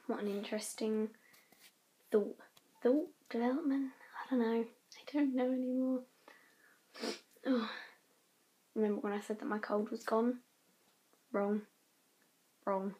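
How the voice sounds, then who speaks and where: A woman's voice: a little high, fairly even intonation, normal speed, pauses often, a little mellow. A teenage girl vlogging casually. Outdoors she walks her dog on a cold street and is out of breath, later she talks to a handheld camera. She rambles and often drops into a whisper. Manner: rambling, chatty, drifts into whispers. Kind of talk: casual vlog chat.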